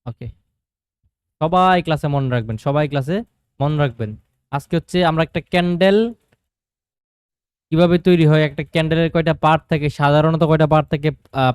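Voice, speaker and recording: A man's voice: a little high, darkish tone, smooth, dry recording, clean studio sound. A man with a Bangladeshi Bangla accent teaching a live online trading class, asking questions and answering them himself and mixing in English terms.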